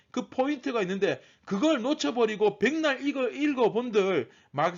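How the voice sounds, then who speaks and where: A man's voice: sits high, highs cut off. A male pastor giving a teaching sermon, explaining word meanings and asking his listeners questions. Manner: teaching, asks the congregation questions.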